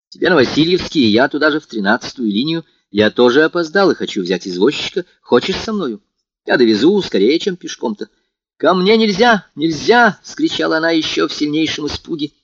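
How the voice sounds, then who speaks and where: A man narrating a literary novel as an audiobook, acting out the dialogue expressively. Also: dry recording. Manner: expressive, acts out dialogue with lifted pitch. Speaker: audiobook reader. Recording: dry, muffled lo-fi recording.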